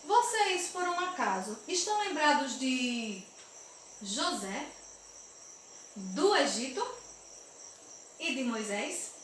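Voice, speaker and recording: A Brazilian woman with a high voice speaks to children as their Bible teacher, in an animated sing-song manner. The room is very reverberant and she sounds distant from the microphone, with a little noise behind her. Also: slow, pauses often. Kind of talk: children's Bible lesson, addressing kids. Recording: echoey room, distant mic, faint noise.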